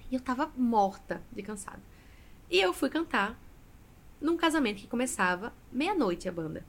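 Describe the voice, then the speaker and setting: Expressive woman telling her story. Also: a little high, moderate pace, vocal fry. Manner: expressive storyteller, often adds "né". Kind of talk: casual podcast interview storytelling.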